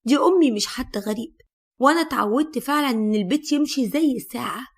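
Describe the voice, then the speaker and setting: A woman's voice: sits high, animated, fast talker. A woman with an Egyptian accent voicing a stubborn, defensive young husband who talks in an insistent, dismissive way.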